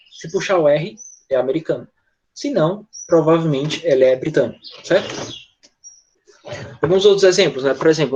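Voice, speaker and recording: A male English teacher explaining pronunciation in an online class, patient, often checking in with quick tag questions. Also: fairly high pitch, a little mellow, lo-fi sound, slight background noise.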